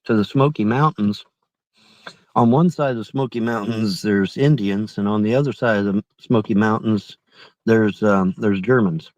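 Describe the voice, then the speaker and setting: A man's voice: on the low side, moderate pace, a little mellow, no echo, dull audio. A middle-aged man in a car, chatting casually to livestream viewers in a rambling, repetitive way. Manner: rambling, repeats phrases. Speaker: livestreamer reading and answering viewer chat. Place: inside a car.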